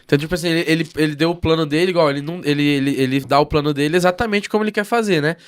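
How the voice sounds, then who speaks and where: A man's voice: fairly high pitch, smooth. A man hosting a podcast, asking casual questions with a Brazilian Portuguese accent. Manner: casual, quick questions, repeats words. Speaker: podcast host. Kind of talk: casual interview chat.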